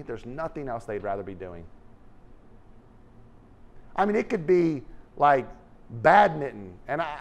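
A middle-aged man preaching a sermon in a church hall, animated and gesturing, swinging from loud emphasis to quiet asides. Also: medium pitch. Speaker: pastor.

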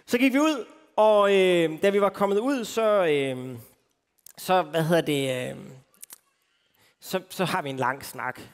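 A Danish man with a high, clear, resonant voice tells a personal faith story as a sermon, informal, self-mocking, and full of fillers. He's speaking from a festival stage, his voice ringing with a long hall reverb.

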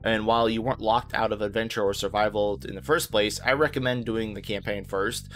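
A man with a fairly low voice gives a casual voice-over guide to a video game. He speaks in an easygoing, reassuring and informal way. Guitar music plays clearly behind him. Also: fairly even intonation, fairly quick, a bit bright. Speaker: gaming video host.

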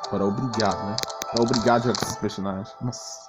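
This gaming streamer, a man with a Brazilian Portuguese accent, talks very fast in a lowish voice with fairly even intonation. His live commentary on the game is casual, full of slang, and a bit grumbly, with game music in the background.

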